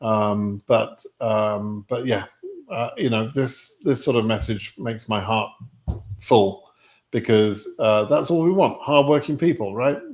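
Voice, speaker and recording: A man's voice: on the low side, slow pace, darkish tone. A British man in his sixties hosting a live stream, answering viewer questions in a frank, rambling way with many restarts. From United Kingdom. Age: 60s. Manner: rambling, frequent ums and restarts, frank and plainspoken. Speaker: immigration lottery advisor hosting a live stream.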